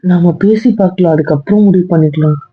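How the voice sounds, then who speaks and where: Woman in a web drama, firm and cutting, lowish voice, dull dry sound. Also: fast, husky, no room sound. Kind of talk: amateur web series acting.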